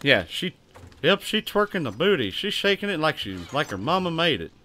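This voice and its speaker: A man streaming a game live, with a bright, forceful voice that climbs high and swings widely in pitch. He talks in a rowdy, crude way and greets viewers one by one. A faint hiss of noise sits under the recording. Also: normal speed. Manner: rowdy, crude, animated, thanks viewers by name. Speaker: livestream host. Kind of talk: casual gaming livestream chat.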